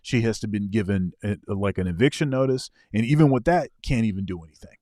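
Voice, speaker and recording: A man's voice: on the low side, fast talker, mellow, no echo. Dry-sounding man rambling through commentary. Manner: rambling, repeats words while explaining. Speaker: co-host. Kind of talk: casual reaction commentary.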